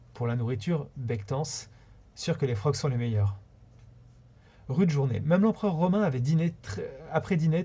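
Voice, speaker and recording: Husky man reading a story aloud. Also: on the high side, warm tone. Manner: unhurried, stumbles and rereads now and then. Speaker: reader of a short story on a live stream. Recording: slightly dull lo-fi sound.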